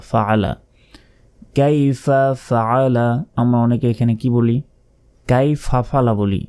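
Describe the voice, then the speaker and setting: A man with a mellow, dark, medium-pitched voice gives a spelled-out Quran pronunciation lesson, breaking each word into its letters and vowel marks. He drills slowly and patiently, letter by letter, correcting the mistakes learners commonly make.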